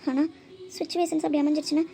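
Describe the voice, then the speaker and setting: A woman's voice: sits high, level tone, very fast, gravelly, mellow. A woman voicing characters in a family drama cartoon, pleading and tender in some scenes and urgent and tearful in others. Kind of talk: acted cartoon dialogue.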